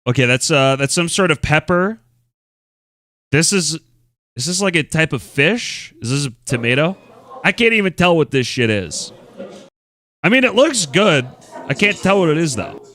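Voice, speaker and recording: A man's voice: on the high side, sing-song, moderate pace, pauses often, bright, forceful tone. A young American man commenting casually on a live stream, rambling with lots of fillers, wry and blunt.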